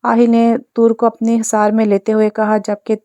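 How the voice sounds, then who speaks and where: A woman narrator reading a romance novel aloud in a steady, even storytelling manner. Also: fairly high pitch, smooth, dry recording.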